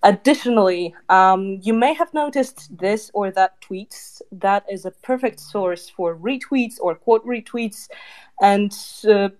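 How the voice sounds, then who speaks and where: Brisk woman reporting figures. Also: medium pitch, darkish tone. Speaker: campaign team member. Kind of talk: casual online audio chat.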